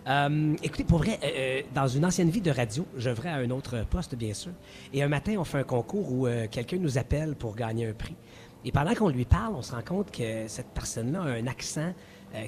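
A man with a Quebec French accent, a radio co-host telling stories with lively energy and frequent laughter. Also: mid-range voice, a little fast, slight background noise. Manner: animated storyteller, laughs often. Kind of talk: casual radio banter.

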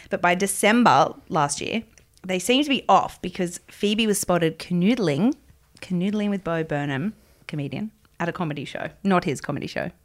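An Australian woman hosting a podcast, chatty and gossipy, laughing often as she talks. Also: fairly low pitch. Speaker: podcast host. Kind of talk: casual chat.

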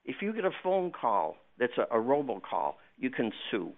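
A man calling in to a radio show, giving opinions casually and haltingly over the phone. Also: medium pitch, big pitch swings, vocal fry. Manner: halting, repeating words. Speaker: radio call-in caller. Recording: muffled, band-limited phone line.

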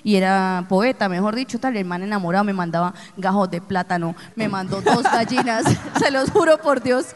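A woman's voice: medium pitch, expressive, normal speed, hardly any pauses. A Colombian woman in her forties, talking candidly in a casual chat. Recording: reverberant room.

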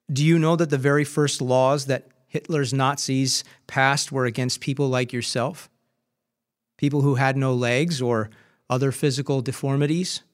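A man's voice: mid-range voice, close to an everyday voice. A man voicing a firm but caring male rabbi on the phone, speaking earnestly.

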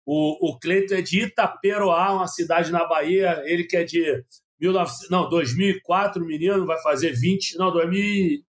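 A man's voice: sits high, moderate pace. A man, a sports reporter, chatting on a podcast, rambling with restarts and coughing from a dry mouth. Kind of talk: casual podcast chat.

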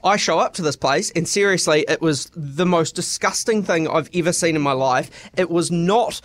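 A man's voice: a little high, normal speed, no echo. A man with a New Zealand accent telling a casual comic anecdote, emphatic and exaggerating.

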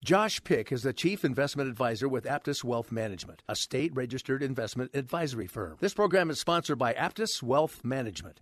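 A man's voice: mid-range voice, no room sound. A man reading a scripted radio disclaimer and show introduction as an announcer. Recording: faint music behind. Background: faint music.

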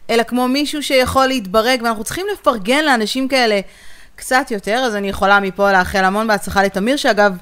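A woman's voice: a little high, fairly bright tone, clean tone. A woman with an Israeli accent chatting casually and giving emphatic opinions as a co-host. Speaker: podcast co-host. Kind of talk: opinionated casual chat about pop culture.

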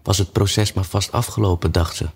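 A man reading a storybook aloud, relaxed and pausing with small hesitations. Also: deep voice, slightly rough.

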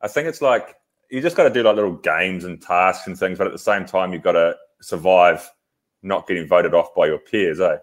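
A man's voice: deep voice, normal speed. A man talking casually and informally as a co-host on a podcast. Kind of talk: casual chat.

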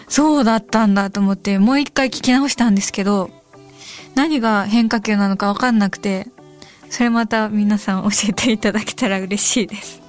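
A woman hosting a radio show in a studio, chatting casually about listener messages with giggles and soft whispered asides. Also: mid-range voice. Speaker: radio host. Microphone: studio microphone. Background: faint background music.

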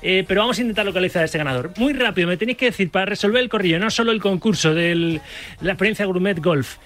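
Male sports radio host from Spain, lively and jokey, high bright voice. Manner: energetic, joking, quick asides.

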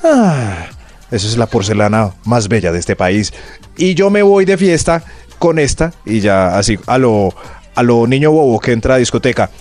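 A man's voice: medium pitch, moderate pace. A man co-hosting a radio show, teasing and joking in casual banter. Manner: playful, teasing, animated. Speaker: radio co-host. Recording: faint music behind.

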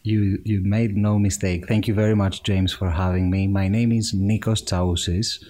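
A man from Greece speaks in a somewhat low, warm voice. He is a guest in an interview and explains technical ideas patiently. He talks in a measured way, with fillers and restarts as he thinks. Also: level tone. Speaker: guest, machine learning engineer. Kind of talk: conversational interview answers.

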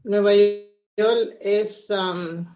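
A middle-aged woman speaking as an interview guest, slow, halting and reflective. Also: mid-range voice, steady tone, darkish tone. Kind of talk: conversational interview.

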